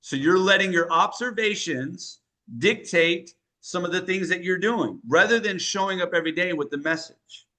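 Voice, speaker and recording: Man, sales coach, bright forceful voice, fairly high pitch, animated, punchy delivery. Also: normal speed. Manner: animated, punchy, often asks "right?". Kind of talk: energetic coaching talk to a group.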